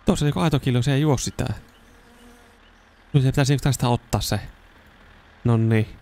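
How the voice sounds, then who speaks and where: A young man giving casual let's-play commentary, chatting to himself as he plays and now and then bursting into excited shouts. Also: mid-range voice. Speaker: gaming YouTuber.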